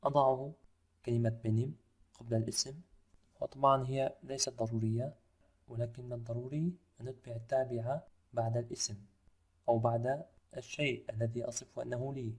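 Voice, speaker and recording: A man teaching a language lesson, explaining rules step by step and slowing down to spell out example phrases. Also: mid-range voice, steady tone, a little mellow.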